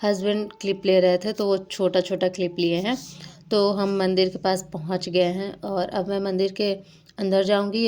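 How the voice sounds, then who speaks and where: Chatty young woman vlogging. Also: medium pitch. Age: young adult. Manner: chatty, rambling, with many fillers. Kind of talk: casual vlog narration.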